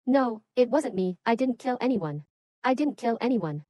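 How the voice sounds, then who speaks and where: A woman's voice: a little high, expressive, normal speed, dark tone, no echo, natural voice. A woman in an English drama dub playing a confused, frightened older auntie who keeps repeating denials. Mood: panicked. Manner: repetitive frantic denials.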